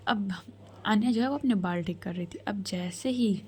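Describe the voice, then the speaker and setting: A woman's voice: mid-range voice, moderate pace, darkish tone. A woman storyteller narrating a romance in a chatty whisper, often calling her listeners bhai.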